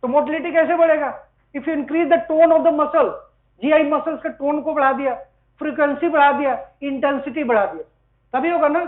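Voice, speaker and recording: A man's voice: very high voice, steady tone, moderate pace. A man lecturing on physiology to students in a mix of Hindi and English with an Indian accent, explaining step by step and asking the class questions as he goes. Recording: tinny phone-like lecture recording.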